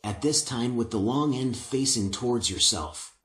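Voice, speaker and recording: Calm older man explaining woodwork steps. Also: mid-range voice, normal speed, reverberant. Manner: calm, patient, methodical explanation. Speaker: woodworking instructor. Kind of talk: step-by-step craft instruction. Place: indoor woodworking workshop. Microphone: lapel mic.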